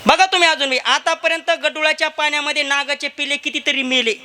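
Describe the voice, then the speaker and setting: A man preaching a humorous devotional kirtan sermon. He jokes and tells stories quickly, speaks straight to the crowd, and switches voices for quoted dialogue. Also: extremely high pitch, fairly even intonation, bright, forceful tone. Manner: rapid joking storytelling, addresses crowd directly.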